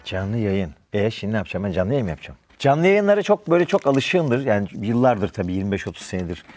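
Brief: middle-aged actor, chatty storyteller, low-pitched, rapid delivery. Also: male voice, very animated, a little mellow, faint music behind. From Istanbul, Turkey. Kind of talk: casual interview answers.

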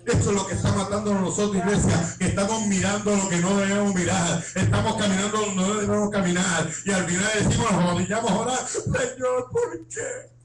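A man's voice: high-pitched, steady tone, fast talker, few pauses, echoey room, far from the mic, over loud music, poor audio. A man preaching an impassioned sermon as an evangelist, crying out and acting out prayers. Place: church.

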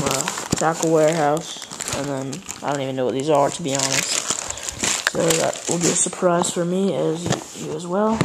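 A teenage boy hosting a casual fishing unboxing vlog at home, talking in a halting way with lots of fillers as he handles each item, filmed on a handheld camera. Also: fairly high pitch, heavy background noise. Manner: halting, unhurried, many fillers while handling items. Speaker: fishing channel host. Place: indoors at home, wooden floor with red rug. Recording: loud crinkling of plastic packaging. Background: bag crumpling and clicks.

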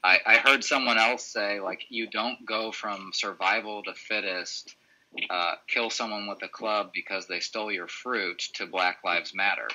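A man's voice: fairly low pitch, fairly even intonation, measured pace, pushed and bright, low-quality recording. A man leading a casual book club discussion on a video call, asking follow-up questions.

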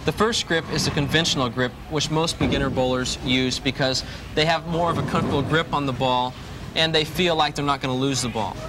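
This instructional demonstration features a pro bowler in his thirties covering grips and shoes, going over key points again. His fairly high, steady voice moves at a fairly quick pace, picked up by a lapel mic in a noisy indoor bowling alley.

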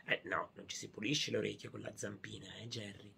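A man doing a playful puppet show for a baby, talking softly in a hushed, coaxing way. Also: fairly low pitch, little pitch movement, fairly quick, gravelly, slight background noise.

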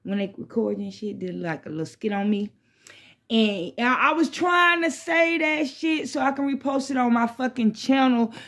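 A woman with a fairly high voice chats to her phone in a bedroom. She rambles like a stoner at a smoke session, loose and slangy. She swears freely and repeats herself as she drifts along. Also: lively intonation, normal speed, fairly bright tone. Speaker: vlogger hosting a smoke session. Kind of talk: casual rambling chat to camera. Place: small bedroom, indoors. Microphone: phone propped at arm's length or a little further.

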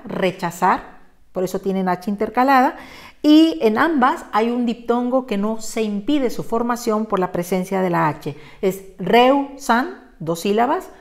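A woman teaching spelling, methodically walking through each step in a close voice-over. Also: medium pitch. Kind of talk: instructional lesson narration.

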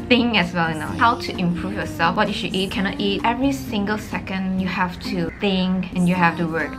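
A young woman chatting casually to camera in a vlog, laughing often, in slightly broken English. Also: mid-range voice. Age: young adult. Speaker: vlogger. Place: bedroom. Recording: loud background music.

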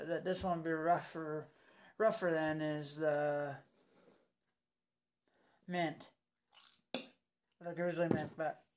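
A young man talks slowly through a lip full of dip. He rambles casually like a home video reviewer, halting between thoughts and sounding unimpressed. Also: sits high. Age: young adult. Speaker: product reviewer. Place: indoors in a home room.

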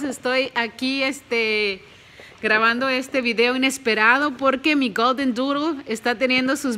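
Bright, slow-talking woman vlogger. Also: fairly high pitch, rough recording. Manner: chatty and doting, mixes in English words. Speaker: family vlogger. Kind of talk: casual home vlog narration. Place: at home beside a birthing dog.

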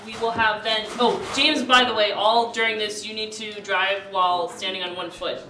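A woman's voice: medium pitch, fairly even intonation, normal speed, distant mic, background noise. A woman casually coordinating a group, laughing often and talking with many fillers. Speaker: challenge organizer. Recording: roomy echo, voice from off mic.

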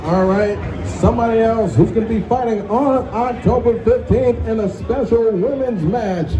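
A man making loud live introductions on stage as an event announcer. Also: extremely high pitch, moderate pace. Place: indoor venue stage. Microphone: handheld microphone, distant camera. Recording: echoey PA with music and crowd.

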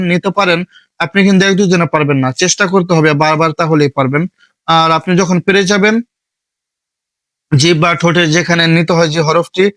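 A man from Bangladesh teaching an online Quran recitation lesson, patiently repeating each step slowly. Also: high-pitched, a bit bright, no room sound.

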